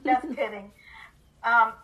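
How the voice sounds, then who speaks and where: A woman's voice: fairly high pitch, takes it slowly, pushed and bright, far from the mic, dull audio. An older woman from Cambodia, a guest author and speaker, earnestly telling her life story in an interview, with simple phrasing and small grammar slips.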